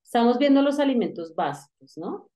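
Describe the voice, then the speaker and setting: A woman teaching English in a relaxed lesson, repeating words and explaining pronunciation. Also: a little high, a little fast. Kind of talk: casual online English lesson.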